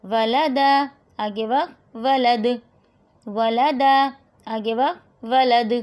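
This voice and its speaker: High-voiced woman teaching Quran reading. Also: fairly even intonation, darkish tone. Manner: slow drilled spelling, then quick explanations; checks in with a repeated "okay?". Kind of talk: Quranic reading lesson, syllable by syllable.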